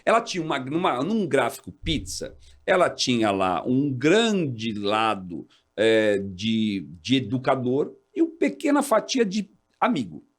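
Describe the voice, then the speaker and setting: Animated man in his forties, explaining. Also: a little slow, hardly any pauses. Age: 40s. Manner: animated, explanatory, jumps high when quoting others. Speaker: fire department officer, guest. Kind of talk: casual interview talk.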